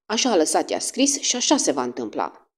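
A sullen, suspicious young foreign woman, voiced by a woman narrator who fires off her words quickly and defiantly. The voice is low and dark, and it swings widely in pitch. It is read as an audiobook character. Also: huge pitch swings, exaggerated voice. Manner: fast, defiant speech.

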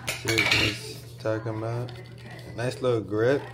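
A man in his thirties, a vlogger and father, chats casually to his vlog in a laid-back, slangy way, holding his phone at arm's length. His voice is fairly low and level, a little slow, with heavy background noise.

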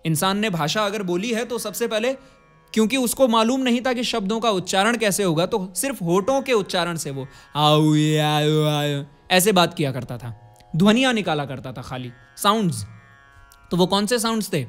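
A man leads a singing lesson in a high, bright voice. He explains each step plainly and chants vowel drills for his students to copy. Soft music plays faintly behind him. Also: lively intonation, moderate pace. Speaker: singing teacher. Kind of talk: vocal lesson.

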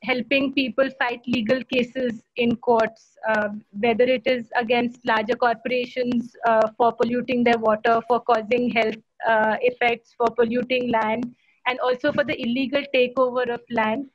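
A woman in her thirties with an Indian English accent, speaking as a panelist in an online discussion, pausing often with fillers and restarts. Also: fairly high pitch, little pitch movement, dry recording. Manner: hesitant, many fillers and restarts. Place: home room. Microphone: laptop webcam on a video call. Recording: muffled video-call audio.

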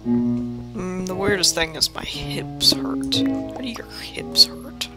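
Gravelly-voiced woman rambling over gameplay. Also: on the low side, lively intonation, slow pace, loud music behind the voice. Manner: rambling, self-mocking, swears freely; drops into murmured half-whispered asides. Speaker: let's play host. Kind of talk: casual gameplay commentary.

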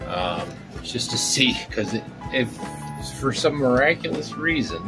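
With music playing, a man of medium pitch speaks at a measured pace, his pitch swinging widely. He hosts an RC hobby video from his home workbench, a casual show-and-tell where he talks through his project with many fillers.

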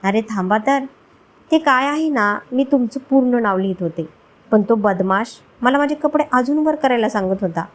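A woman's voice: fairly high pitch, expressive, moderate pace, natural voice, poor audio. A woman voicing a feisty, playful young wife who teases and makes jesting threats. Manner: teasing, threatening in jest.

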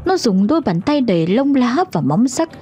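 A woman's voice: a little high, sing-song, moderate pace, warm tone, faint music behind. A woman narrating a horror story in a dramatic, suspenseful scripted style.

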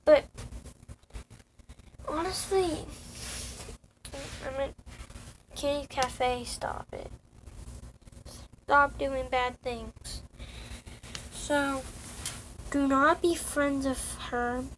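A young woman with a high voice talks slowly through a casual rant, stopping and restarting often and filling gaps with "like" and "um." A faint hiss of noise sits under her voice. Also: poor audio. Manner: rambling, halting, many fillers and restarts. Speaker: online community vlogger.

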